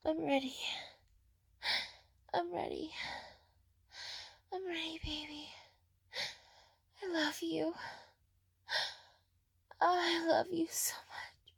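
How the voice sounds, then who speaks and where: A woman in an intimate roleplay recording, breathy and often whispering, pleading slowly with soft moans between her words. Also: extremely high pitch, steady tone.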